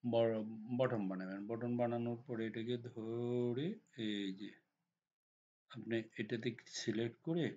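A hoarse man with a cold walks through a design software tutorial step by step, often checking that the viewer is following. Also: medium pitch, measured pace. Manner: step-by-step instructions with frequent checks like "ঠিক আছে?". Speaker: computer design instructor. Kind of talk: screen-recorded software tutorial. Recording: dull lo-fi recording with faint noise.

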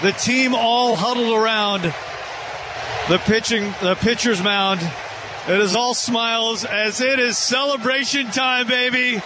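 A man giving live postgame radio commentary from a stadium booth, describing the scene in a measured way. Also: very high-pitched, fairly even intonation. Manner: slow, descriptive scene-setting. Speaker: radio broadcaster. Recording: clear background noise.

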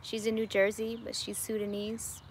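A woman's voice: medium pitch, completely flat delivery, moderate pace, slight background noise. A woman in her late twenties chatting casually with viewers on a livestream, upbeat and laughing often, recorded outdoors on a phone at arm's length. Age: 20s. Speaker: YouTuber answering live chat. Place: outdoors in a home garden. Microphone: webcam or phone at arm's length.

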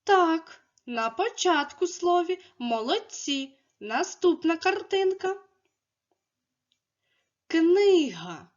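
A woman teaching a speech lesson to young children, speaking slowly and enunciating clearly as she coaxes them to repeat after her. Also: very high voice, big pitch swings. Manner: slow, clearly enunciated, coaxing. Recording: dull lo-fi recording.

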